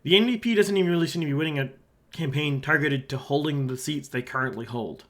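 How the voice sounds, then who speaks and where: A man from Halifax, Canada, with a slightly high voice and a sore throat talks fast as he walks through an election forecast map. The election analyst and channel host keeps it casual and conversational, pointing at the map and dropping quieter asides.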